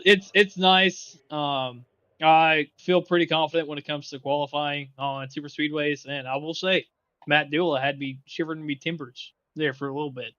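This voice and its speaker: Australian male driver, laid-back and joking, bright and a little high. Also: dry recording. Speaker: racing driver. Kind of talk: post-qualifying interview.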